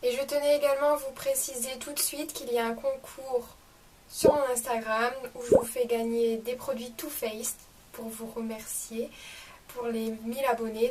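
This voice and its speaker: A woman's voice: sits high, darkish tone. A young woman chatting casually through a beauty product review vlog, enthusiastic and full of fillers. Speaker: beauty vlogger. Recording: slightly distant mic with faint room noise.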